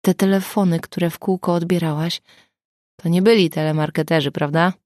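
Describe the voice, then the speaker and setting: A woman's voice: lowish voice, steady tone, normal speed, a little mellow, no room sound, studio quality, close to an everyday voice. Nina, a reproachful emotional friend, read by a woman.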